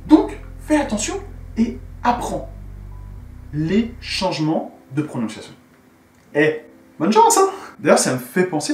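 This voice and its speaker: Lively French-speaking man teaching on video. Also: high-pitched. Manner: chatty, animated, talks straight to viewers. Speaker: YouTuber teaching Korean. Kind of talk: casual video lesson. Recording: roomy sound from a distant mic.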